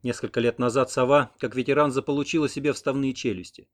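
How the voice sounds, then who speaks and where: Male audiobook narrator with a mid-range voice, measured and expressive. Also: medium pitch. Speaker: audiobook reader. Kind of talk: scripted narration of a homemade audiobook.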